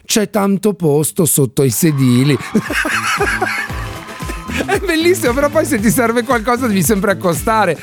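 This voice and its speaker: A man's voice: sits high, very animated, a little slow, long pauses, music in the background. A man presenting live radio as a chatty, playful Italian quiz host.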